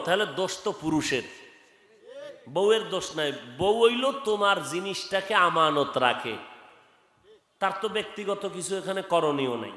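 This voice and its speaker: A man preaching a waz sermon in a melodic, chanting delivery that rises to loud calls. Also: a little high. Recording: echoey hall with faint music.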